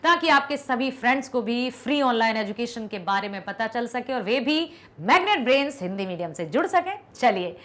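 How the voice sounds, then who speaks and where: A woman teacher giving an online lesson to children, slowly drawing out each syllable, repeating words for pupils to echo and praising them often. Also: fairly high pitch, lively intonation, a bit bright. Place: recorded for an online class video.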